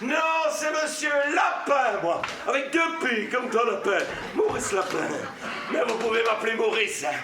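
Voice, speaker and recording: A man's voice: very high voice, lively intonation, a little slow, over music. An actor on stage playing a long-winded male charity volunteer who stammers, repeats himself and lectures in slogans. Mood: insistent chatter. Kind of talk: stage comedy acting. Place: theatre stage. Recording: echoey theatre hall, background noise.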